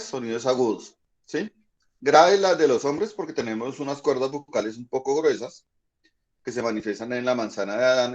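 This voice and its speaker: Patient teacher, lo-fi call audio. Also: male voice, mid-range voice. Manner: patient, checks in often with "¿listo?". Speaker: high school physics teacher. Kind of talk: online class lecture.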